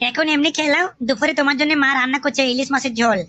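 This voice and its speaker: A woman plays a young wife in a cartoon, quickly placating an angry husband in a bright, high voice. She talks very fast. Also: fairly even intonation, lo-fi sound, slight background noise.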